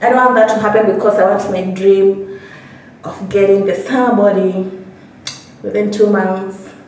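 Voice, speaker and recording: A young woman from Kenya chatting to camera in a casual vlog, animated and laughing often, filmed on a phone camera set at a distance. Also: medium pitch, normal speed. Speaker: vlogger. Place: small indoor room, then outdoors by a pool. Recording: echoey room, voice from off-mic, music behind.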